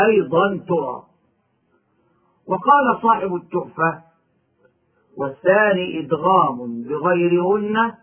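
A man with a high voice explains the rules of Quran recitation at an unhurried pace, stretching out each recited example. The sound is thin and tinny, like a phone line. His delivery is careful and deliberate. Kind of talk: tajweed lesson.

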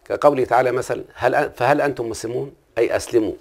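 Gravelly Egyptian man teaching grammar. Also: mid-range voice, fairly even intonation, racing. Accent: Egyptian Arabic. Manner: asks the listener frequent check-in questions. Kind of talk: classical Arabic grammar lesson.

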